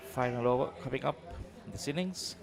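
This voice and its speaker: A man's voice: mid-range voice, a little fast, creaky. A man co-commentating on a cricket match, making brief, matter-of-fact remarks. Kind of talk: live sports commentary. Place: indoor cricket arena. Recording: crowd noise, distant from mic. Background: crowd noise.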